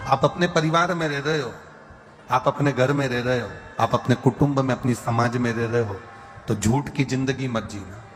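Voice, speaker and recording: A man with a Madhya Pradesh accent preaching a sermon in Hindi, impassioned and repetitive, at times singing verses slowly. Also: mid-range voice. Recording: long hall reverb with faint music.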